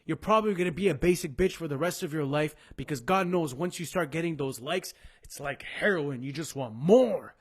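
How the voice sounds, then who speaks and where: A male sports show host with a fairly high voice, ranting and swearing as he mocks athletes. His delivery is casual, crude and full of sarcasm. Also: brisk, hardly any pauses. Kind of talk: casual live sports rant.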